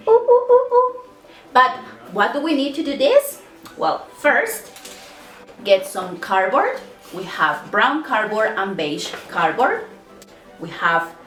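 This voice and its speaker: A woman from Colombia, hosting a craft workshop and giving cheerful, clear instructions to young children. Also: mid-range voice, fairly bright tone. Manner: cheerful, slow and clear, talking to small kids. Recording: echoey room, mic at a distance.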